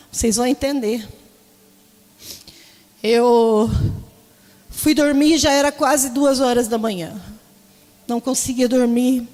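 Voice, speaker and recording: A woman's voice: fairly high pitch, a little mellow, big-room sound. A woman pastor preaching a sermon, telling an emotional personal testimony and often turning to address the congregation directly. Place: church.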